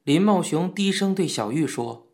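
A man's voice: on the high side, gravelly. Man narrating a novel steadily. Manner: steady, measured storytelling. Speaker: audiobook narrator. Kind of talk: scripted narration.

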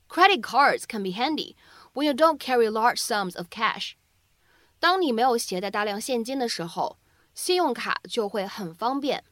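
A woman with a fairly high voice leads a scripted English lesson, explaining each point carefully in a steady teacher's cadence. She slows right down to model English phrases word by word. The sound is close and dry, with no room echo. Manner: clear, measured explanations with filler particles; slow, deliberate model readings of English phrases.

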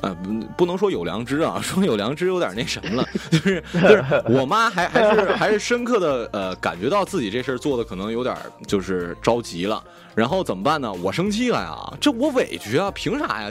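Male co-host, animated storyteller with a mid-range voice. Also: mid-range voice, a little fast, faint music behind. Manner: animated, acts out family members' lines. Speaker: live-stream co-host. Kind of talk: casual storytelling chat.

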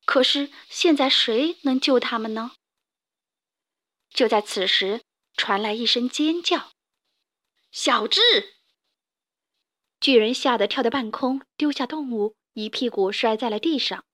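Woman reading a kids story out loud, lively, high voice. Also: unhurried. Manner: lively, expressive narration.

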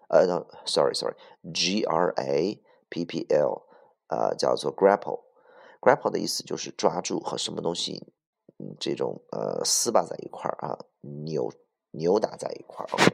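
Low gravelly-voiced male English teacher. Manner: spells words letter by letter, mixes in English; self-correcting, with many fillers. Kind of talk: vocabulary lesson.

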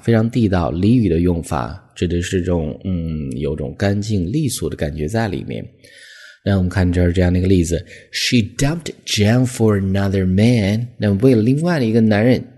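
Deep-voiced male English tutor, dark and husky, patient with slow repeats. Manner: patient, repeats words slowly for pronunciation. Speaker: English teacher. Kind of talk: explaining English vocabulary.

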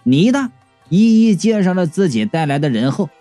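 Man narrating a comic audio novel, bouncy lively pitch, mellow tone, soft music bed. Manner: lively, jokey, quick asides. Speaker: storyteller.

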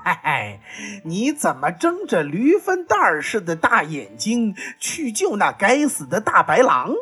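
A woman voicing a gruff, loud crow in a children's storybook, scolding and mocking with a rough voice. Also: medium pitch, voice pushed up, exaggerated voice.

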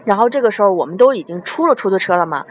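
A young woman from China tells a story in casual speech. She is lively and acts out the voices of the people she quotes. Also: medium pitch, rapid-fire, slight background noise. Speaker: guest telling a story.

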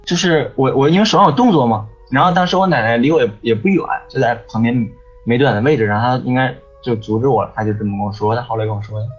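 A man's voice: medium pitch, rapid-fire, breathy edge. A man, talking as a guest who tells a personal story at length, repeating words and often asking "you know?". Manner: rambling, repeats words, frequent "你知道吗". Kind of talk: casual storytelling on a ghost-story podcast. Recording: dull lo-fi sound with faint music behind.

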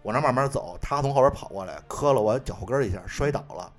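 A man chats quickly on a podcast, blunt and indignant. His voice is mid-low and lively, rising and falling as he speaks. Faint music sits behind him. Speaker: podcast co-host. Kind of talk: casual chat.

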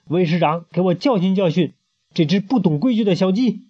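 A man voicing a haughty, spoiled and childish queen who squeals orders in a high voice. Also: very animated, normal speed, dark tone, slightly rough, full character voice. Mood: bossy shrill. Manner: shrill, bossy, squealing. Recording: muffled lo-fi home recording.

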